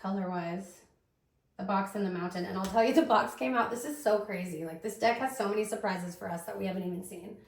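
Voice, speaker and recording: A woman's voice: mid-range voice, fairly quick, echoey room, a little hiss or hum. A woman giving a casual tarot reading, rambling and thinking aloud with lots of fillers. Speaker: tarot reader.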